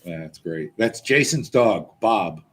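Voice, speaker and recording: A man's voice: low voice, expressive, slow, breathy edge. An American man co-hosting a casual show in a friendly, welcoming manner. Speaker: show co-host. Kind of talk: casual chat.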